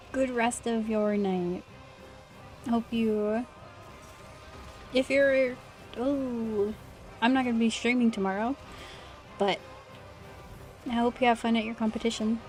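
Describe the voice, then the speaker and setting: A woman's voice: a little high, fairly even intonation, slow, long pauses, darkish tone, soft background music. A woman game streamer chatting casually with her viewers while she plays, often apologising. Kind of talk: casual livestream chat while gaming.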